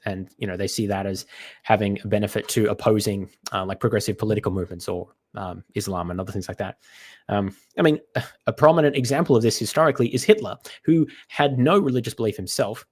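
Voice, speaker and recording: A man with a congested, stuffy-nosed voice gives unscripted reaction commentary, halting and often restarting as he thinks aloud. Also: lowish voice. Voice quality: stuffy nose from being sick. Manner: hesitant, halting, digressive with many restarts. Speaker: commentator reacting to apologetics content.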